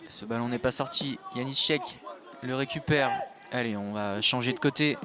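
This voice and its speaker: A man giving live football commentary in an excitable way, building up to drawn-out goal calls. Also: mid-range voice. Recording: outdoor crowd noise behind commentary. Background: outdoor stadium crowd.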